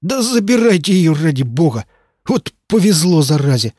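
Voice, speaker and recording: A man doing a loud blunt tractor driver. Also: on the high side, big pitch swings, normal speed, slightly rough, no echo, studio quality, pitched above the performer's own voice. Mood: gruff.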